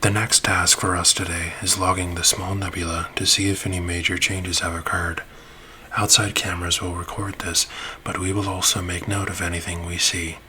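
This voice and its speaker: A man narrating a space-ship ASMR roleplay in a soft, soothing voice that drops into whispers. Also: low-pitched, level tone, normal speed, slight background noise.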